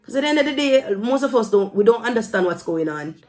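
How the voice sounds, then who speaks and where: Her voice is fairly high and darkish, with lively intonation and a quick pace, over faint background music. This Jamaican vlogger offers her opinion to viewers in a casual, emphatic, admonishing tone, slipping into Patois along the way.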